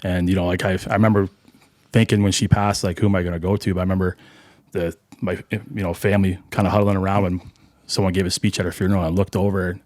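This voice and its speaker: A man talking as a podcast guest in a casual, reflective way, pausing often with fillers and restarts. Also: sits low, little pitch movement, a little mellow, no room sound, clean studio sound. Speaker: podcast guest, firefighter and junior hockey coach. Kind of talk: casual interview talk.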